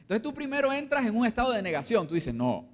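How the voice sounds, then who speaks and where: High-voiced preacher in an echoing church. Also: male voice, very animated, fast talker. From Colombia. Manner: preaching with acted-out quotes, dropping low and rising loud. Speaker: pastor. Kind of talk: sermon. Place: church hall.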